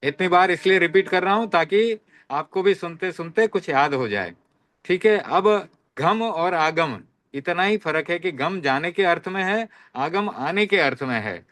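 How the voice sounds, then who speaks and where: A man teaching a Sanskrit class, reciting verb forms one by one in slow, repeated drills and often checking that students follow. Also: sits high, expressive, a bit bright. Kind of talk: online class lesson.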